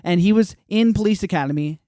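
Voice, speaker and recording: High, clear-voiced joking podcast host. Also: male voice, fast, no room sound, studio quality. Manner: animated, joking, emphatic. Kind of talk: casual podcast chat.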